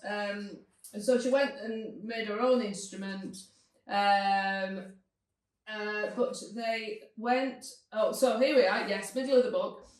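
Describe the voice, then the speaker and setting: Chatty woman in an echoey room. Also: fairly high pitch. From Lancashire, England. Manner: chatty, enthusiastic, with fillers. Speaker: podcast host. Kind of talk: casual chat and read-aloud. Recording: echoey room, distant mic.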